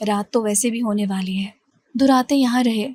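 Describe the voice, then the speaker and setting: Woman reading as a threatening young kidnapper, harsh orders, fairly high voice, dry sound. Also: a little mellow, no echo, natural voice. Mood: menacing. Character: menacing young male thief and kidnapper.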